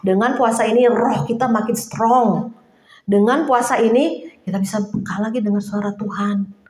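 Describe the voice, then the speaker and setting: A woman preaching an informal sermon to a small house church, chatty and lively, laughing now and then and acting out little quotes. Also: on the high side, moderate pace, reverberant.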